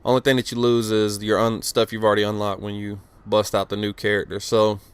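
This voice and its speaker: A man in his late twenties with a fairly low voice gives casual, rambling gameplay commentary outside his house in the cold, which leaves him a little stuttery. He talks briskly with a completely flat delivery and clean tone, swears freely, and uses plenty of fillers, captured in a dry recording.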